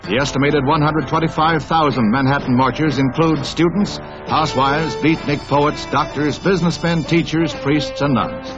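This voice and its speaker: A man reads an old newsreel in a brisk announcer's style, slipping in wry, punning asides. His voice sits a little high for a man. The sound is dull and lo-fi like vintage film audio, with music playing clearly beneath him. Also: steady tone. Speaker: newsreel narrator. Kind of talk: 1960s newsreel narration.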